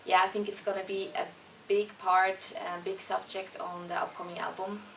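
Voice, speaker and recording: A young Swiss woman, a band singer, gives casual interview answers in English with a Swiss German accent at a concert venue before a show, relaxed, chatty, laughing easily, and full of fillers and quick restarts. Her mid-range voice has vocal fry and sounds a bit distant from the mic, in an echoing room with a faint hum of ambience.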